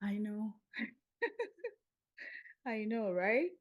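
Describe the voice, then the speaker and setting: A Nigerian woman in her fifties, a podcast guest telling her story in a lively way and acting out the dialogue. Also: medium pitch, very slow, dull audio.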